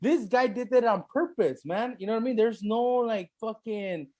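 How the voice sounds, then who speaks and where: A man's voice: high voice, normal speed, warm tone. A man hosting a casual chat with a teasing, slangy frat bro manner and free swearing. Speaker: show host.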